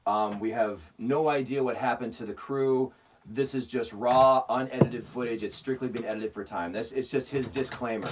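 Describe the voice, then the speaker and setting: A man co-hosting a casual podcast, recapping a movie plot in an animated storytelling way. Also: mid-range voice, moderate pace, few pauses. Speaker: podcast co-host. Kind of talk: casual chat, movie review. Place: remote, separate location. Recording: distant mic with faint noise.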